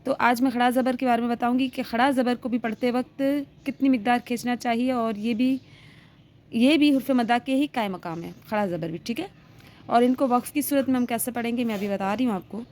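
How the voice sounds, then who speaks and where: Woman teacher going slow thru letters one by one, stretches the vowels, bit high voice, keeps saying ok?. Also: a little mellow. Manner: patient, stretches out sounds while sounding out letters one by one; keeps checking in with "theek hai". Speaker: Quran reading teacher. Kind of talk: slow step-by-step lesson.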